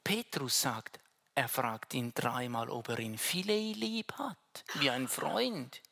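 A pastor preaching a sermon to the congregation, swinging between hushed, low phrases and loud, raised ones, and talking to the listener directly and informally. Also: animated, takes it slowly, gravelly.

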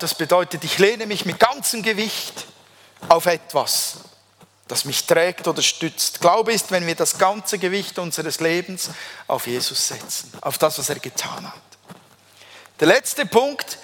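A man delivers a sermon in a fairly high, bright, ringing voice. He is emphatic and draws out key phrases slowly for weight. His voice carries a long reverb, as in a large church hall. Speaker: preacher.

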